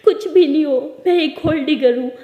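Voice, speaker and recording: Heartbroken young woman, tearful, high and echoey, voiced by a woman narrator. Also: brisk, narrow, tinny audio, lightly acted. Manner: tearful, pleading, shouting. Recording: echoey room with long reverb.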